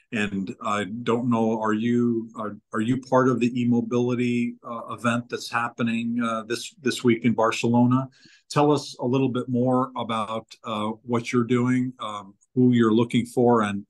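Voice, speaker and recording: A man hosting an online networking meeting, introducing members in a friendly, halting way over a video call. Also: mid-range voice, poor audio.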